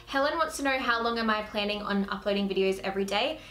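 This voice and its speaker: A woman's voice: mid-range voice, fast talker, fairly bright tone, faint music behind. Chatty young Australian woman vlogger. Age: 20s. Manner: chatty, filler-heavy with frequent "like". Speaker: YouTuber. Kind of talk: casual Q&A chat to camera.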